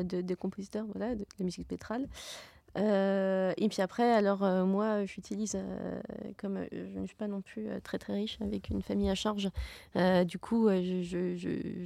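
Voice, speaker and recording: A woman with a gravelly, creaky voice chats as a guest in a studio, stopping and restarting her sentences often. The sound is close and dry. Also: mid-range voice, dark tone, dry recording. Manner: hesitant, many fillers and restarts. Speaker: guest speaker on contemporary music. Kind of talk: casual radio chat.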